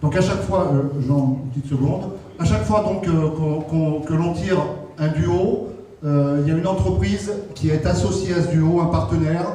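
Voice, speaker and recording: A man runs a tournament draw in a chatty, joking way, breaking off into quick asides. His voice is a little high and mellow. He sounds far from the mic in a very echoey hall with faint room noise. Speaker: draw announcer.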